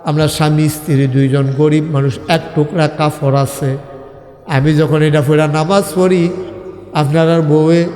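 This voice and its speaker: High, echoing man preaching a sermon. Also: little pitch movement, unhurried, mellow. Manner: storytelling, acting out dialogue, rising to sung and cried lines. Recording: echoey hall with long reverb.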